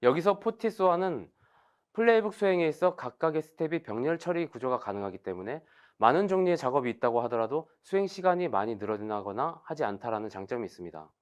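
With a sing-song lilt, a man presents scripted technical material formally and at a measured pace, taking each point in turn like an explainer. His pitch is average but shifts noticeably up and down.

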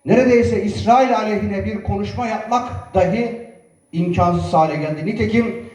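A man, a provincial governor, giving a formal, earnest public speech from a lectern microphone, with deliberate, emphatic phrasing. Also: high voice, a little mellow. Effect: speaking from a lectern microphone. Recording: echoey hall, voice picked up from a distance.

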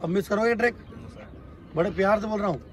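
A man's voice: sits high, fast, slight background noise. A man coaching trainees at an outdoor training track, lecturing and scolding them and constantly asking whether they have understood. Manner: scolding, repeatedly asks "got it?".

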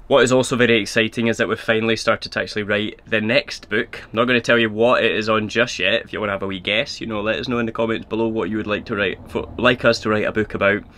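Holding a camera at arm's length inside a camper van, a male vlogger chats casually and upbeat to his viewers. His fairly low voice sounds pushed and bright, moving fast with few pauses and fairly even intonation.

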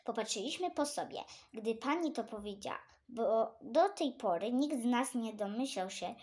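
Animated woman reading a children's story. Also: moderate pace. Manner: animated, jumps high for exclamations. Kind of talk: reading a children's book aloud.

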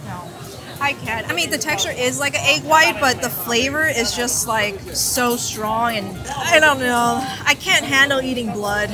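High-voiced woman trying street food. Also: unhurried, loud music behind the voice. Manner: playful, candid reactions while tasting. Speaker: guest food vlogger. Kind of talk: casual food vlog chat. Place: busy outdoor night market.

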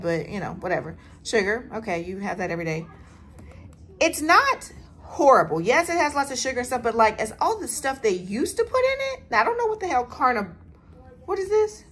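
A woman's voice: a little high, a little hiss or hum. A woman in her thirties filming a casual grocery haul vlog in her home kitchen, talking straight to her viewers on a phone camera held close. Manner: chatty, animated, talks straight to viewers. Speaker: family vlogger.

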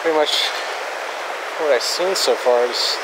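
A man giving casual running commentary while fly fishing, talking in a relaxed way to himself between casts, recorded on a body-worn camera outdoors. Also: mid-range voice. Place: outdoors beside a rushing river. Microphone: head or chest camera. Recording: loud river noise outdoors. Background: loud rushing river water.

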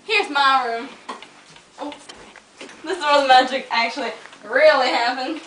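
A woman's voice: high-pitched, unhurried, noisy background. A young woman giving a playful, jokey tour of her farmhouse and farmyard, filmed on a handheld camera. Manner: jokey, bubbly tour patter. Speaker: home tour guide. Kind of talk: playful home tour vlog. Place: farmhouse rooms and outdoor farmyard. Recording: music bed underneath.

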